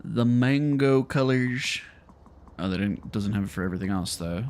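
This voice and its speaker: A man's voice: fairly low pitch, moderate pace, darkish tone. A man streaming a game, chatting casually and muttering to himself as he plays. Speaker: gaming livestreamer. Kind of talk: casual gameplay commentary.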